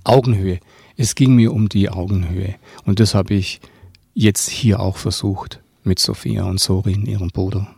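A man, an author, talking thoughtfully about his work and reading from his book, often restarting and clearing his throat. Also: deep voice, fairly even intonation, moderate pace, a little mellow, dry recording, clean studio sound. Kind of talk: interview talk and book reading.

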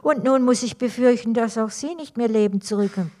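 A woman's voice: on the high side, a little fast, darkish tone, lightly acted. A woman reading aloud, voicing an elderly grandmother who speaks earnestly about a kidnapped granddaughter. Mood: worried.

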